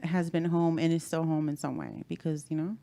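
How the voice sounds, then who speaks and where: A woman's voice: low-pitched, level tone, brisk, warm tone. A woman from Southern California, a podcast guest, answering in a rambling, casual way with plenty of fillers. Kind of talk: casual interview chat.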